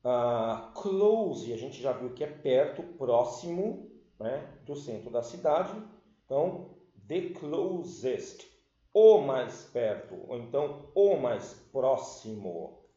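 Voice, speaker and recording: Slow, lively teacher, echoey room. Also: male voice, medium pitch. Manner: explains patiently, checks understanding with "certo?" and "tá certo?"; addresses the class as "galera". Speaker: English teacher. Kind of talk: recorded online class lesson. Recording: echoey room, dull lo-fi sound.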